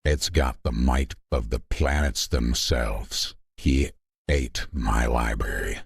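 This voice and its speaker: Man putting on a very deep, raspy ranting sorcerer. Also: slow, no echo, clean studio sound, full character voice. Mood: boastful, outraged. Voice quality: very deep, gravelly, rough. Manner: bombastic, declamatory announcements. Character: ranting boastful male sorcerer villain, comically outraged. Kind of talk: improvised comedy skit.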